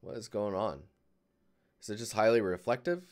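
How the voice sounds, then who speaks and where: A man's voice: lowish voice, normal speed. A man giving casual, rambling live critiques of digital art, thinking aloud as he clicks through images. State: yawning, tired.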